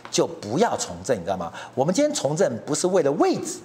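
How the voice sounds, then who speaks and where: A man's voice: a little high, huge pitch swings, quick pace, darkish tone, a little hiss or hum. A middle-aged man giving heated, mocking political commentary and often asking his listeners whether they follow him. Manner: mocking, heated, keeps asking "you know?".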